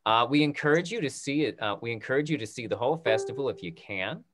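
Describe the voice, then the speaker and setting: Speaking fast and animatedly in a mid-range voice, a thirtysomething instructor runs a theatre talkback on a video call. He makes casual announcements from an indoor room through his computer microphone, encouraging but slightly hesitant.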